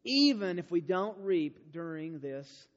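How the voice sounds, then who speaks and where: High-voiced preacher in a reverberant hall. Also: male voice, slow. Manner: animated storytelling preacher, swings from hushed to emphatic. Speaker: youth camp speaker. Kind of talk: sermon. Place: large church auditorium. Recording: dull sound with long hall reverb.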